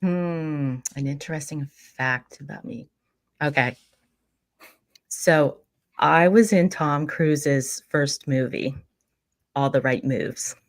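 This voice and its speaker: A woman's voice: low voice, slow, pauses often, no echo, studio quality. A woman from Pennsylvania, a thought leadership coach, speaking as an upbeat interview guest who often repeats words as she goes. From Pennsylvania, USA. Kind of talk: conversational interview.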